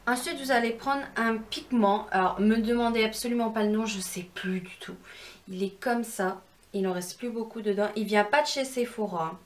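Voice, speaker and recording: A woman's voice: on the high side, moderate pace. A young woman walking viewers through a makeup tutorial in a chatty, instructive way, with self-deprecating asides. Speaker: beauty vlogger.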